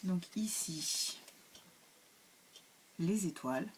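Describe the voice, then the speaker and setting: A woman's voice: on the low side, animated, extremely slow, slightly rough. A woman hosting her own cartomancy channel, reviewing a card deck in casual chat, hesitant with many fillers and restarts.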